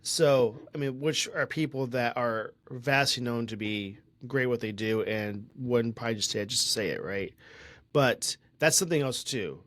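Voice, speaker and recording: Young male podcast co-host, mid-pitched, chatty and opinionated, dry close-mic sound. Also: dry recording. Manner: chatty, opinionated, rambling with restarts. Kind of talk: casual tech podcast chat.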